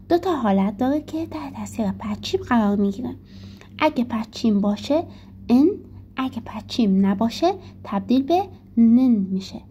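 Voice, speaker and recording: A woman teaching a grammar lesson, explaining points and slowly reading example sentences aloud. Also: high voice, a little hiss or hum. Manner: lively instructive tone, stressing key points. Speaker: Korean language teacher.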